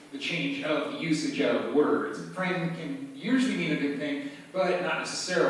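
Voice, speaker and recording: A man with an Upper Midwest American accent doing a rambling, halting spoken-word monologue at a bar open mic, full of fillers and dry asides. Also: on the high side, a bit bright, slight background noise. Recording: echoey bar room, mic at a distance.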